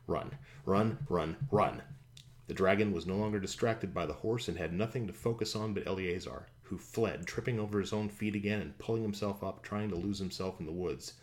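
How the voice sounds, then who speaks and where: A man narrating a fantasy audiobook in a steady, even storytelling manner. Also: low-pitched, a little fast, few pauses.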